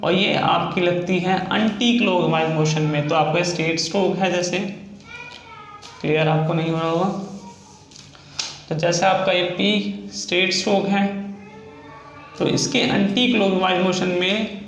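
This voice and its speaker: High-pitched man teaching in an echoey room. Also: fairly even intonation, a little slow, long pauses, fairly bright tone. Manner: explains step by step, repeats words and says "ठीक है" often. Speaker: shorthand teacher. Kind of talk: recorded classroom lesson. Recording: echoey room with faint background noise.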